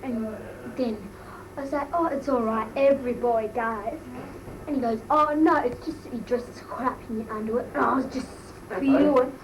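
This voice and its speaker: A woman at a normal speed, her pitch fairly high and her acting light, mimics a gossipy, bratty Australian teen schoolgirl "mole" in an amateur comedy bit. Embarrassed and mortified, she gossips through slangy tales in a breathless drawl, heard through a distant mic on a noisy amateur recording.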